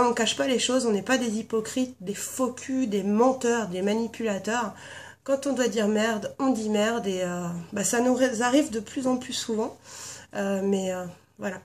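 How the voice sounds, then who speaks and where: Hoarse woman vlogging at home, kinda high voice, blunt, lots of "euh". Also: darkish tone. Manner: blunt and frank, rambling with many fillers. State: hoarse from a sore throat. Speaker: vlogger, founder of a paranormal blog team. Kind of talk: casual chat answering a tag. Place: at home with her cat nearby.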